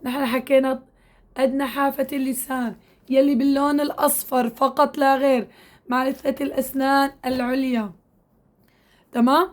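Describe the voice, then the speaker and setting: A woman teaching Quran recitation to women, patiently drilling sounds and repeating syllables slowly. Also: sits high, flat delivery. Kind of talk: tajweed lesson to women learners.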